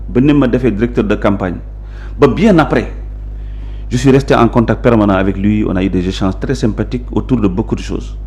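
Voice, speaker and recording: A warm, mid-range male voice with a Senegalese accent belongs to a local politician giving a conversational interview. Switching between Wolof and French, he sets out his positions in an assertive, emphatic tone.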